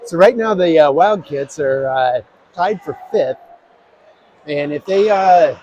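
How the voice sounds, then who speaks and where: A man hosting a high school hockey broadcast, chatting through the pregame with lots of fillers and quick agreement. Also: animated, darkish tone, highs cut off. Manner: chatty, filler-heavy, affirming. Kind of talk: casual pregame commentary. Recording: noisy arena ambience.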